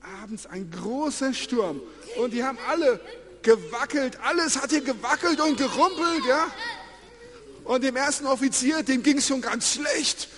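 A man telling a lively story to children, acting out the scenes and getting them to join in. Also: very high voice, a little slow. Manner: animated, acts out scenes and gets the audience to join in. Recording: long reverb of a large hall.

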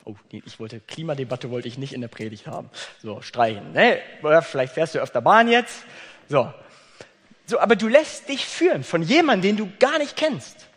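A man preaching a sermon, chatty and lively, talking straight to the congregation and reading a story aloud. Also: on the high side, normal speed, breathy edge, long reverb tail. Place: church.

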